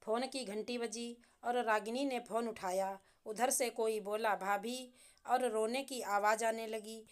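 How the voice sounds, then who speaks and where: A woman narrating a moral story in a measured, even reading. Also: fairly high pitch.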